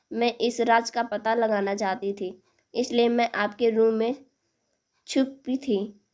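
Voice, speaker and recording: Give me a slow-reading woman storyteller, slightly high and halting. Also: a little mellow. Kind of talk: first-person story narration.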